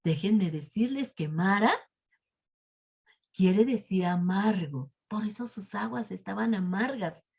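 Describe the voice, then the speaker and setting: Woman teaching children, lively melody, husky, breathy tone. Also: mid-range voice, takes it slowly. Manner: animated, addresses the children directly. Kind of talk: children's Bible storytelling.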